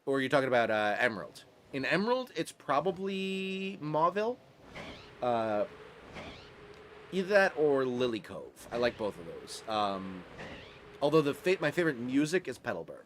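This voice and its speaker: Male streamer, mid-pitched, rambling and giggly, faint noise under him. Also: big pitch swings, moderate pace, a bit bright. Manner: rambling, laughs often, restarts sentences. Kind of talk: casual live-stream chat while gaming.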